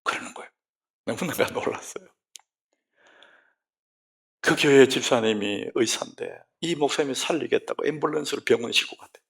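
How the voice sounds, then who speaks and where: A middle-aged man, a pastor, preaching a sermon in a church, moving between hushed whispers and loud exclamations. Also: mid-range voice, brisk, vocal fry, pauses often. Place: church sanctuary.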